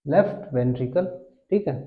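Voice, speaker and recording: A man with a somewhat high voice explains biology in a classroom lecture. He fires rhetorical questions, answers them, and checks that his students are following. The sound is thin and phone-like. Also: lively intonation, moderate pace. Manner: asks quiz questions and answers them himself; mixes English science terms into Hindi. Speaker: biology teacher.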